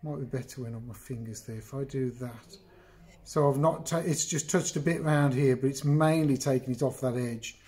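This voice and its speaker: A middle-aged English woodworking host talks at a normal speed in a darkish, mid-range voice during a relaxed workshop demonstration. Chatty and rambling, he interrupts himself and speaks to the viewer, filming with a phone camera on the bench that he repositions.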